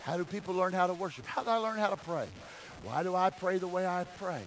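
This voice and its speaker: A pastor preaches a sermon in a church sanctuary during a service, urging his congregation on with repeated key phrases and calls for amens. His voice sits high and fast, swinging from quiet talk to loud, emphatic cries. The recording is rough, with slight background noise.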